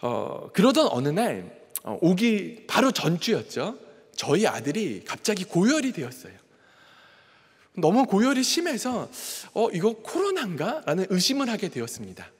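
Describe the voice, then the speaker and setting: A man delivers a sermon, talking through a personal story and acting out what each person said. His voice is husky and high, and it swings widely in pitch. The sound rings with the long reverb of a large church hall. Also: wildly swooping pitch, normal speed. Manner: personal storytelling, acts out quoted dialogue. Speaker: pastor.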